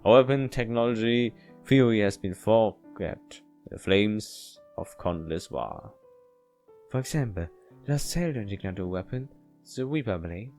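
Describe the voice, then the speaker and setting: A male let's player reads a visual novel aloud with casual commentary, his lower-register voice animated and darkish in tone. He stumbles and repeats words as he reads, and light plucked guitar music plays behind him.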